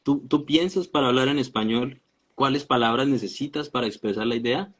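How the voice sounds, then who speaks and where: A man from Colombia, a music teacher, calmly explaining things as the guest of a casual live-stream interview over a video call. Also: mid-range voice, brisk. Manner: calm and explanatory, restarts words.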